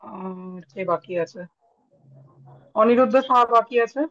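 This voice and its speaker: A woman trainer leading an online class, brisk and apologetic, switching between languages. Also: mid-range voice, fairly bright tone. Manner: brisk, apologetic, mixes Bengali and English. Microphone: video call. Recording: dull lo-fi call audio.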